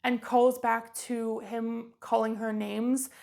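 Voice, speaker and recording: A woman's voice: a little high, little pitch movement, slow pace, vocal fry, darkish tone. A woman vlogger recapping a movie in a chatty, offhand way.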